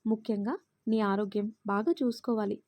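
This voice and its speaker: A woman's voice: mid-range voice, fairly even intonation, normal speed, a little mellow, dry recording, lightly acted. A woman voicing a caring young husband in a storybook reading, soothing and reassuring. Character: caring young husband, teasing yet steady.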